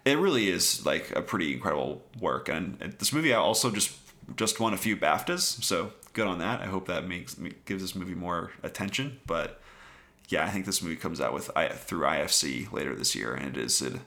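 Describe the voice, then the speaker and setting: A man's voice: deep voice, animated, fairly quick, vocal fry, pushed and bright. A man co-hosting a podcast, chatting casually about festival films and rambling with many restarts. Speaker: podcast co-host. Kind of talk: casual film review chat.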